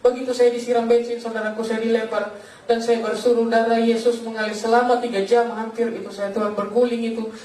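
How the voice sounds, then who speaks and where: Guy preaching his testimony fast and fervent, keeps calling the crowd brothers, sounds far off in a roomy church. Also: very high-pitched, little pitch movement, darkish tone, slight background noise. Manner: fervent storytelling, repeatedly addresses listeners as brothers. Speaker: pastor giving a testimony. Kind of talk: testimony sermon. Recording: echoey hall, voice from a distance.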